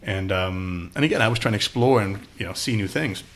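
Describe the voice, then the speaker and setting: A man from Austin, Texas appears as a podcast guest, telling stories in a casual interview with a fairly quick, low-side voice. He's an animated storyteller, playing out each person he quotes.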